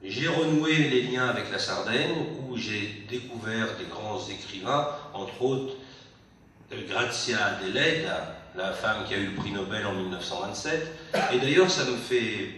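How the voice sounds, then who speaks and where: A man's voice: fairly low pitch, expressive, measured pace, fairly bright tone, slight background noise. A man translator, born abroad and raised in France, speaking at a public book event, hesitant with many restarts. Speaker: literary translator. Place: meeting hall. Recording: echoey hall from far off.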